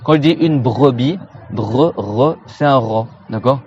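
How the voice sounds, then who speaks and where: A man from France teaching Quran recitation in a casual lesson, repeating each sound slowly and often checking in with his students. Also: medium pitch, a little mellow, highs cut off, slight background noise. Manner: casual, familiar, checks in with "d'accord?". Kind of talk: informal pronunciation lesson.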